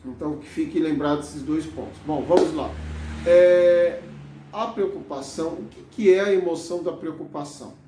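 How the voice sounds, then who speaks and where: Man, therapist explaining, slightly high voice, mellow tone, echoey room. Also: normal speed, a little hiss or hum. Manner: casual explanatory, many fillers and tag questions. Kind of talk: educational talk to camera.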